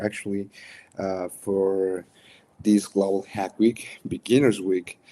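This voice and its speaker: Low-pitched, unhurried man with Mexican accent. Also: mellow. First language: Spanish. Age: young adult. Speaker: coach hosting a livestream workshop. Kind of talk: casual livestream teaching chat.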